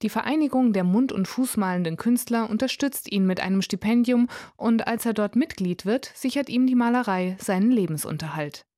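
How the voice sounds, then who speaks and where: A woman reading a scripted radio book review in a calm, measured way. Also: a little high, dry recording, clean studio sound. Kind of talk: scripted narration.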